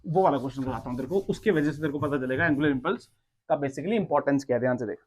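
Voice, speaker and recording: A man tutoring physics at a board, coaxing and teasing his student and checking again and again that it is clear. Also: mid-range voice, very fast, slight background noise. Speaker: physics teacher. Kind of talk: blackboard tutoring session. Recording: dull lo-fi recording.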